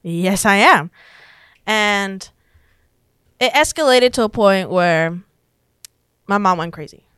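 A woman's voice: mid-range voice, lively intonation, slow, pauses often, fairly bright tone, clean tone, dry recording, studio quality. A young woman, a podcast guest telling a personal story in a chatty way, full of "like" and quoted dialogue. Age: young adult. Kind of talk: casual storytelling.

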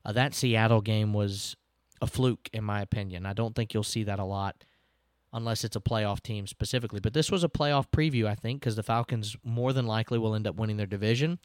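A man's voice: on the low side, a little fast, dry recording, clean studio sound. A man, hosting a casual sports podcast, recapping games in a chatty, self-deprecating way and laughing now and then.

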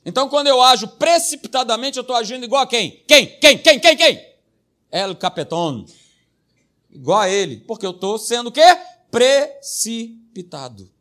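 A man's voice: high voice, fairly bright tone. A male pastor preaching a sermon, emphatic and repetitive, hammering single words and tossing in jokey asides.

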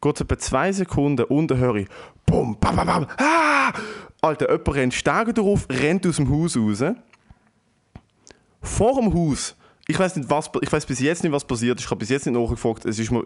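Young Swiss man telling a story. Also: fairly high pitch. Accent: Swiss German. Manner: animated, swears a lot, mixes in English slang. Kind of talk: casual storytelling chat.

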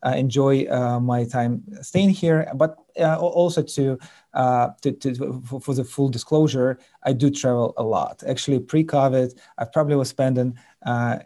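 Ukrainian-accented man, halting and mellow. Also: medium pitch. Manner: halting, many fillers and restarts. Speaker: sales executive guest. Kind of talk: interview conversation.

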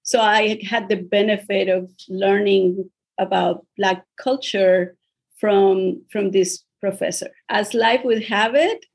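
A woman's voice: mid-range voice, fairly even intonation, slow pace, slightly rough. A middle-aged woman from Colombia, a podcast guest telling her life story in a reflective way. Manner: reflective, storytelling with small restarts. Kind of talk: storytelling interview.

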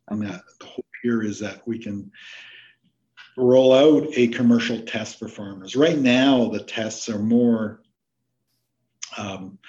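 Halting low-voiced man, dull audio. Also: darkish tone. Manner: halting, many fillers and restarts. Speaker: plant disease researcher, guest. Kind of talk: podcast interview.

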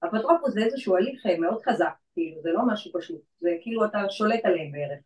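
A woman who works in legal aid, telling a story in casual chat and acting out the voices of the people in it. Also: medium pitch. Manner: animated, acts out quoted voices. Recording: echoey room from far off.

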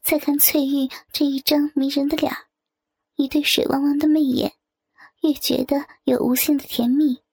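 A woman narrating an adult story in a soft, sometimes whispered reading voice. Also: high voice, level tone, normal speed, dry recording, clean studio sound. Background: soft guitar music.

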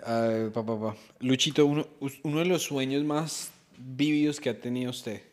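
A man's voice: medium pitch, fairly even intonation. Joking man hosting a comedy podcast. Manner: quick, joking, storytelling. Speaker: podcast host. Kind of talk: casual podcast chat.

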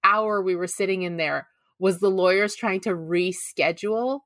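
A woman's voice: mid-range voice, moderate pace, a bit bright, no echo, clean studio sound. A woman in casual chat as a podcast panelist, telling rambling stories with an incredulous tone.

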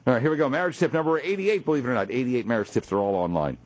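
A male radio show host in a morning talk show, animated and jokey, with a husky voice. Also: racing. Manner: animated, jokey, swings high for emphasis. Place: radio studio.

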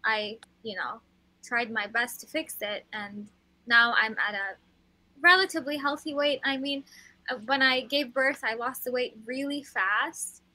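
Young woman from Kuwait, podcast guest, earnest and open, bright tone. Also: fairly high pitch, a little slow, no echo, rough recording. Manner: open, earnest, filler-laden. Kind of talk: casual chat.

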